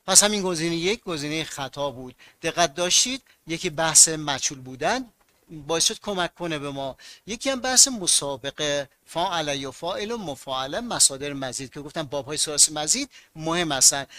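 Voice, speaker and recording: A man's voice: fairly high pitch, pushed and bright, no echo. A man with a Mashhad accent teaching an online grammar class, patiently explaining rules and asking his students questions that he then answers himself.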